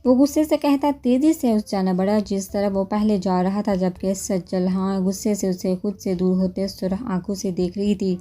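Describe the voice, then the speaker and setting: A woman narrating a novel in a steady storytelling manner. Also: medium pitch, few pauses, soft background music.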